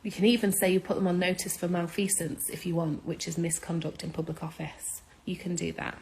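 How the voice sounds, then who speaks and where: A woman's voice: fairly low pitch, flat delivery, fairly quick, a little mellow, slight background noise, rough recording. Urgent, insistent woman. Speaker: social media speaker. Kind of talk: impassioned advice monologue.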